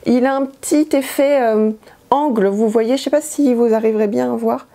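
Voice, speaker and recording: A woman's voice: a little high, normal speed, mellow. A woman chatting casually through a makeup tutorial, hesitant with many fillers. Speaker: beauty vlogger.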